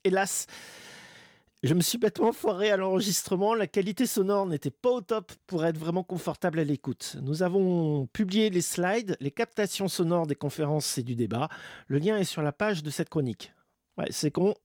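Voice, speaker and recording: A man with a fairly high voice presents a radio chronicle in a wry way. The sound is close and dry, as in a studio. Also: moderate pace, darkish tone, no room sound. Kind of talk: semi-scripted radio chronicle.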